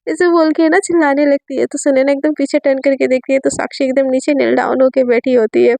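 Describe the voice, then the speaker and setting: Woman storyteller, chatty, rambling, high voice, dry close sound. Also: level tone, quick pace, gravelly, warm tone, no room sound. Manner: chatty, rambling, frequent fillers. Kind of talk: casual spoken storytelling.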